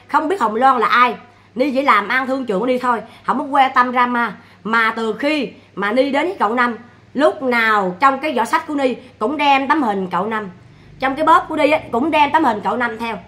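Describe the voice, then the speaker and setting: A woman chatting casually to her viewers, animated and scolding, with repeated exclamations. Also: on the high side. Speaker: vlogger. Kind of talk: casual livestream chat.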